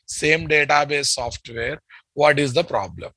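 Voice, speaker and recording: A man's voice: on the high side, measured pace, creaky, bright, forceful tone, no room sound. A man with a Telugu Indian English accent teaching a live technical class, repeating phrases and quizzing listeners with checking questions. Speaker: software instructor. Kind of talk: live technical lecture with dictated notes.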